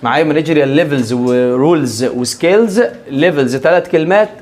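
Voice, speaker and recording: Lecturing to a class at a fast clip, this man has a voice on the high side and an Egyptian Arabic accent. He's playful and animated, often pausing to confirm the students are with him.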